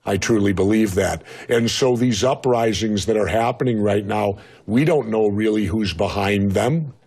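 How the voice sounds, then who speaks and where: A man's voice: fairly low pitch, normal speed, darkish tone, husky. A man speaking as a guest in a heated interview, blunt and argumentative, pushing back and talking over the host.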